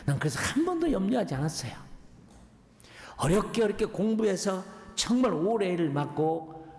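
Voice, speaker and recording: A middle-aged man preaches from the pulpit with a fairly high, lively voice that rises and falls as he tells his stories. His words echo through a church sanctuary with a long, ringing reverb. The delivery is folksy and anecdotal. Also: moderate pace. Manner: folksy, anecdotal, animated storytelling. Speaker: missionary preacher. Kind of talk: storytelling sermon.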